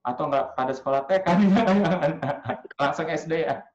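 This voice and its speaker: A man coaching parents in storytelling, talking in a lively, demonstrative way with frequent filler sounds. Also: fairly high pitch, measured pace, roomy sound, dull audio, soft background music. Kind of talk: casual workshop talk to parents.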